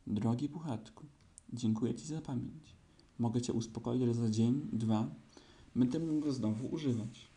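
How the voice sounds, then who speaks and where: A man voicing a gloomy, self-pitying old donkey in a storybook reading, talking slowly and sulkily. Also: mid-range voice, mellow, natural voice. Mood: mournful. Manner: slow, sulky, complaining.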